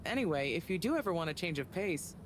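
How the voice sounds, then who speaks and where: An actress voicing Bridget, a friendly, talkative energy consultant who chats in a breezy, upbeat way. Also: female voice, on the low side, very animated, quick pace. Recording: game audio with ambient noise.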